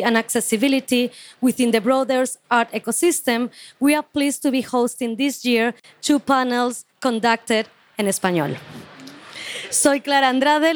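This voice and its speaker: A woman with a fairly high voice opens a live panel at an art fair. She reads a formal introduction of the guests and their titles. Now and then she stumbles over a name or a word. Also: smooth, no room sound. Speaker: host and fair curatorial director.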